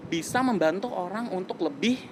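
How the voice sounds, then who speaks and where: A man's voice: high-pitched, expressive, normal speed. Earnest young man with street noise. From West Java, Indonesia. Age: 20s. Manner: earnest, reflective, mixes English phrases. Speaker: musician guest. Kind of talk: casual interview chat.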